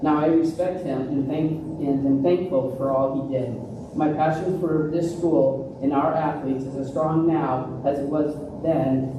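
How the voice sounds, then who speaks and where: A woman's voice: sits low, steady tone, unhurried. A woman speaking earnestly as a coach presenting an award at a podium. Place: large echoey room at a live ceremony. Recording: echoey hall, distant mic, noisy.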